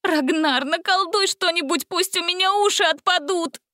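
A feisty young girl, scared and fed up, pleading in a high, strained voice, played by a woman narrator. She sounds close and dry, like a storybook reading. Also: animated, moderate pace, no room sound. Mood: desperate.

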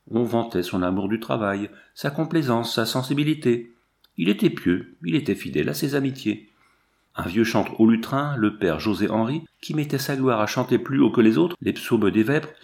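A man reading a novel aloud in a measured, expressive way. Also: on the low side. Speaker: audiobook reader. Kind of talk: scripted narration of a novel.

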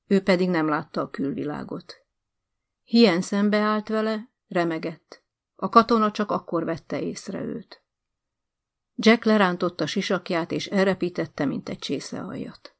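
A woman narrating an audiobook short story in a calm, measured literary reading. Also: fairly low pitch.

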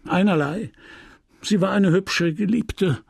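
A man's voice: high-pitched, takes it slowly, creaky, husky, no room sound, studio quality, pitched above the performer's own voice, exaggerated voice. A man playing a self-centered young lover in a read novel, terse and irritable. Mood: brusque.

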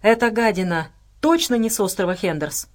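A woman voicing a gruff, hot-tempered male soldier who barks out angry lines. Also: medium pitch, a little fast, close to an everyday voice.

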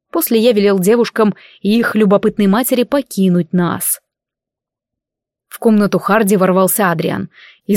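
A woman reading a fantasy novel aloud as an audiobook narrator in steady storytelling. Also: mid-range voice, no room sound, studio quality. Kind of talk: scripted narration.

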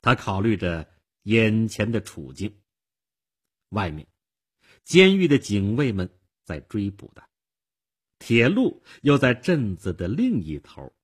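A man narrating a story for radio in an expressive, acted-out style. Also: lowish voice, slightly rough. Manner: expressive, acts out the scenes.

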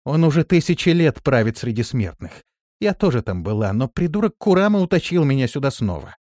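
A man's voice: mid-range voice, sing-song, fairly quick, darkish tone, no room sound, studio quality, pitched above the performer's own voice, lightly acted. A man reading an audiobook, voicing a frightened, wily woman just pulled from a well, in a raised, strained voice. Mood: bitter. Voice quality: hoarse when rescued. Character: frightened, wily dark-skinned woman, soaked and exhausted. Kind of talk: audiobook character voice.

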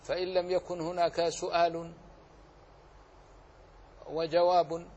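A man's voice: on the high side, flat delivery, a little slow, a little mellow, highs cut off, slight background noise. A man teaching a tajweed lesson who explains each rule and then recites the correct form as an example.

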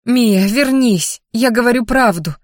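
A woman's voice: mid-range voice, a little slow, no echo, clean studio sound, lightly acted. A woman voicing a pushy older mother who keeps insisting her daughter marry. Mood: pleading. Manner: insistent, scolding.

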